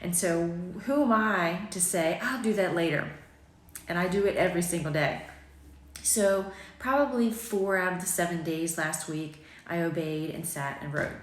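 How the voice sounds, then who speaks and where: This vlog comes from a boutique owner in her forties, sipping morning tea indoors in her sunny kitchen while a phone at arm's length records her. Fresh out of bed, she has a slight rasp, a fairly low pitch, and a moderate pace, rambling chattily with plenty of ums and self-deprecating remarks. Echo from the room is audible.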